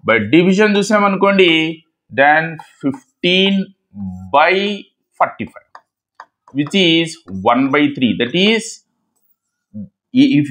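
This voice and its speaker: A man's voice: fairly high pitch, extremely slow, long pauses, a bit bright. A man with a Telugu accent, a native Telugu speaker, teaching a math lesson in English and Telugu. He repeats key words and asks questions that he answers himself.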